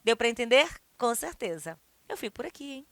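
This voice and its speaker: Woman teacher, somewhat high, crisp tone, didactic and checking in with students. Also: sing-song, brisk, a bit bright, no room sound. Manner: didactic, checks in with the class often. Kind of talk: recorded grammar lesson.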